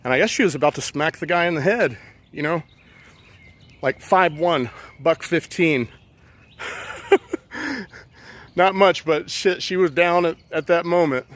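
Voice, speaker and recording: A man's voice: fairly high pitch, a little slow, pauses often, a bit bright. A man casually telling a personal story outdoors, rambling and profane with many fillers.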